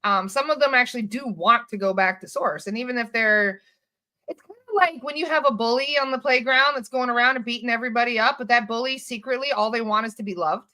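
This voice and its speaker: Bright, animated woman hypnotist. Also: on the high side, fast. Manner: animated storyteller who swears casually and acts out quotes. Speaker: hypnotist and spirit release practitioner. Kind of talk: casual conversational interview.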